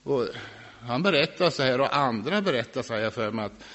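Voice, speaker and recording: A man telling his personal faith testimony about his past drinking, earnest and reflective, now and then laughing softly. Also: medium pitch, lively intonation. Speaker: former alcoholic sharing his faith testimony.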